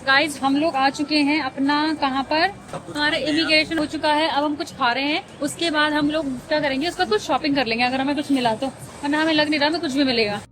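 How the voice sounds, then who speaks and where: A woman's voice: high-pitched, steady tone, brisk. A young woman vlogger chatting to her viewers in an airport, talking casually and mixing in English words. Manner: chatty, addresses viewers as guys, mixes in English. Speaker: vlogger host. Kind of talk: casual vlog chat. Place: airport terminal.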